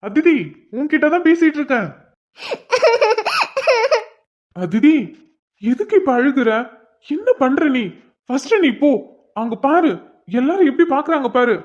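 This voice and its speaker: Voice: mid-range voice, lively intonation, moderate pace, lightly acted. A voice actor playing a flustered young man in a cartoon, urgently pleading with a crying girl to go away. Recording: dull lo-fi recording.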